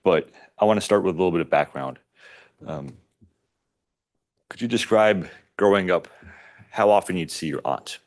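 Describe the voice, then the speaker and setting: A man acting as attorney, questioning a witness in court in a measured, polite way. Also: sits low, a little mellow.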